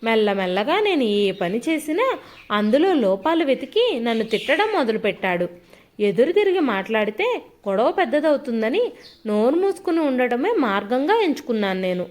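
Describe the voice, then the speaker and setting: A woman narrating a first-person story, lifting her voice for the quoted lines. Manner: expressive, voices quoted lines with pitch shifts.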